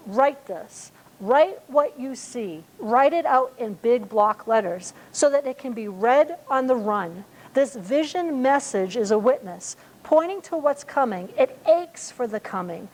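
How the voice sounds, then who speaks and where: In a low-quality recording, a woman in her fifties with a somewhat high voice delivers a sermon at a church service. Her preaching is conversational, full of fillers and restarts.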